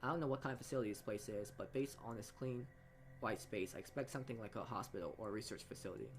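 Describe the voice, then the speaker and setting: Faint music plays behind a man with a lowish, fast voice as he narrates a story game aloud. He reads informally, often tripping up and going back over what he just said.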